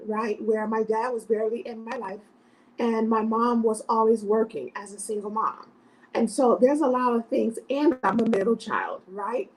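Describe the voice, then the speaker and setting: A woman's voice: a little high, darkish tone, low-quality recording. A middle-aged woman from South Florida, an educator speaking as a podcast guest in an earnest, emphatic way, often adding "right?". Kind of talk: podcast interview.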